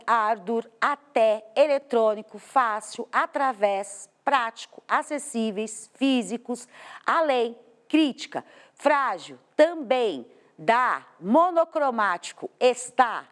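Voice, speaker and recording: Lively high-voiced Brazilian woman teaching. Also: takes it slowly. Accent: Brazilian Portuguese. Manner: explains step by step, asks the class questions. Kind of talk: televised classroom lesson. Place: TV studio. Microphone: studio microphone.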